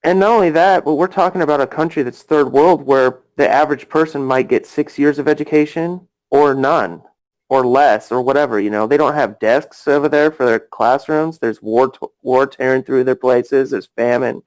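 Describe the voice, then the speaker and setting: A man's voice: medium pitch, fairly even intonation, normal speed, a little mellow, poor audio. Rambling man talking over others in chat. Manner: rambling, filler-heavy, talks over others. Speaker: voice chat host. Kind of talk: casual argumentative chat.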